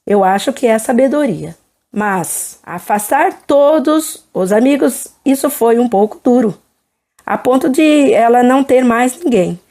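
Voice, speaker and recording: Uma mulher de meia-idade, apresentadora, conversando com calma e em tom de aconselhamento numa entrevista cristã. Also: female voice, on the high side, measured pace. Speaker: host.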